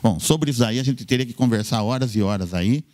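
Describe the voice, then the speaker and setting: A man's voice: mid-range voice, brisk, a little mellow. A man, a doctor, giving a health talk in an emphatic way, listing points in short bursts and repeating key words. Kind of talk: lecture-style health talk.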